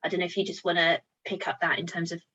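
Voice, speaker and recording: A woman's voice: on the low side, level tone, fast, sharp tone, dull audio. A woman hosting an online question session over a video call, chatty and full of fillers. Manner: chatty, many ums. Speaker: event host. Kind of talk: hosting a webinar Q&A.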